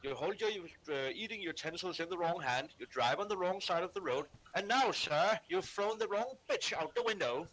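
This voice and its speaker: A man putting on a posh British accent to play a pompous, scolding English gentleman. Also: high voice, expressive, normal speed, few pauses, voice pushed up, low-quality recording. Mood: haughty. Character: posh, haughty old-fashioned English gentleman.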